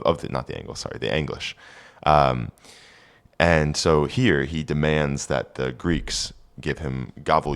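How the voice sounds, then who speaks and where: Very deep-voiced man teaching Old English. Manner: reads Old English phrases aloud with deliberate pronunciation. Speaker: teacher translating an Old English history text. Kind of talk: reading Old English aloud, then glossing it in casual explanation.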